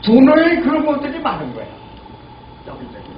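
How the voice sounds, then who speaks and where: A man in his eighties giving a lively lecture and asking the audience questions. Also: very high voice, a little fast. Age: 80s. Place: lecture room. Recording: lo-fi, echoey, distant, noisy.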